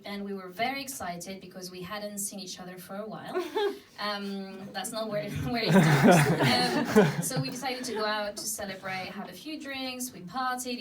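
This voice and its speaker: A woman's voice: mid-range voice, slight background noise. A young woman from France with a French accent, performing a giggly, self-deprecating stand-up set. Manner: chatty, self-deprecating storytelling with frequent giggles. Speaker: stand-up comedian. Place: comedy club stage with a live audience. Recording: distant club recording with audience laughter. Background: audience laughing.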